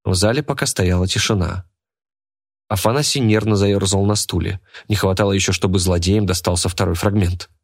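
Male audiobook narrator with a low voice. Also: fairly even intonation, normal speed. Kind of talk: scripted narration.

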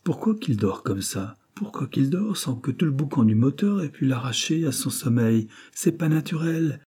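A man's voice: mid-range voice, moderate pace, slightly rough, pitched above the performer's own voice. A man reading aloud, voicing a blunt young male chauffeur-mechanic who talks in colloquial slang. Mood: worried. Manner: colloquial, animated working-class talk.

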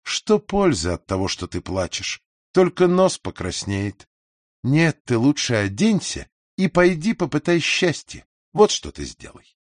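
A man's voice: on the high side, huge pitch swings, a little slow, no room sound, exaggerated voice. A man voicing a down-on-her-luck aging female singer in an audiobook, huffy and grumbling to herself. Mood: self-scolding. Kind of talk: audiobook character voice.

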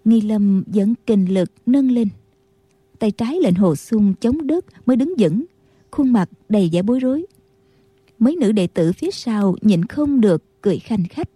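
A woman narrating a martial arts novel as an audiobook reader, in steady storytelling. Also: mid-range voice, normal speed, slightly rough, dry recording. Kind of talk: scripted narration.

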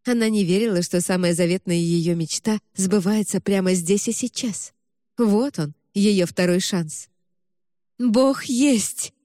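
A woman narrating an audiobook in a measured, even reading voice. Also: lowish voice, dry recording, studio quality.

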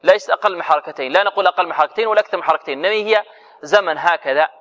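A man's voice: high voice, racing, a bit bright. A man teaching Quran recitation, quizzing his students and then answering and demonstrating the sounds himself. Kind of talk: tajweed lesson to students. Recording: muffled lo-fi recording with long hall reverb.

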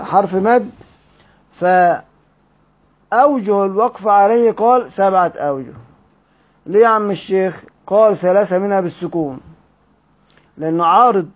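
A man with an Egyptian accent teaches recitation rules in an online lesson, his voice pitched fairly high. He quizzes his students, then reads the text aloud and explains each point. The audio is somewhat dull and lo-fi. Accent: Egyptian Arabic.

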